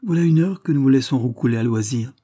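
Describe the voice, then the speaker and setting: A man's voice: mid-range voice, expressive, quick pace, dark tone, voice pushed up, lightly acted. A man voicing a playful, flirtatious elegant woman in a read novel. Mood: teasing.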